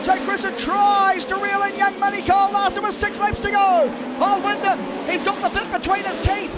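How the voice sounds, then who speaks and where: High-pitched shouting hype race announcer, a man. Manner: excitable, shouting, building drama with drawn-out calls. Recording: loud engine and crowd noise behind.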